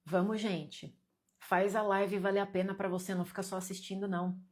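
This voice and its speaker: A woman's voice: mid-range voice, fairly even intonation, brisk, darkish tone. Teasing, direct Brazilian woman host. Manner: direct, teasing, repeats and presses viewers. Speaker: live stream host guiding an exercise. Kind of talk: live stream teaching, reading viewer comments aloud.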